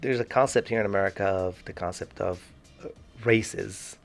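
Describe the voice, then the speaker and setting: A man from Morocco co-hosting a podcast, talking in a thoughtful, halting way with many restarts. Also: low-pitched, vocal fry, soft background music. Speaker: podcast co-host. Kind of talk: casual discussion.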